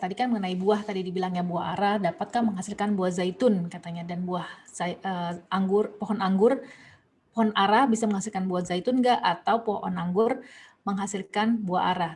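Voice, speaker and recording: A woman's voice: medium pitch, darkish tone, slightly rough. A young woman with an Indonesian accent leading an online Bible study discussion, asking questions and reading verses aloud. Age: young adult. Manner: questioning, reads verses aloud, many restarts.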